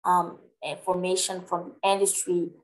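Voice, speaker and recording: She's a webinar presenter, French by birth and accent, taking questions live over a video call. Her answers are friendly and explanatory but thick with hesitant fillers. Her fairly low voice keeps a level tone at a moderate pace, and the webcam sound is rough.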